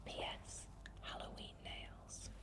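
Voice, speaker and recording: In an unhurried ASMR guided meditation, a woman guides listeners through a healing session in a soft, soothing whisper.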